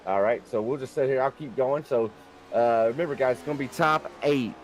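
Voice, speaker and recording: A man with a Southern US accent fills the air as co-commentator on a live sim-racing broadcast. He talks over a headset in a folksy, easygoing way, with an everyday mid pitch. A little hiss runs under his voice. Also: brisk. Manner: folksy and easygoing, calls his partner brother and buddy. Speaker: race co-commentator.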